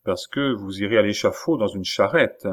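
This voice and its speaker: Brief: cold, measured male prophet, ominous and unhurried, read by a man. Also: on the low side, natural voice. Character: grim male fortune-teller, calm and ominous. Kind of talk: audiobook character voice.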